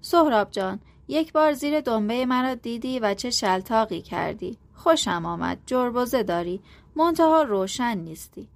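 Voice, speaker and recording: A blunt, scornful man full of sarcastic questions, as a woman reads him in a storybook. The voice sits fairly high and stays close to the reader's own, with no real disguise. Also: animated, vocal fry. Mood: calm, reproachful. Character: outspoken middle-aged man, blunt, scornful.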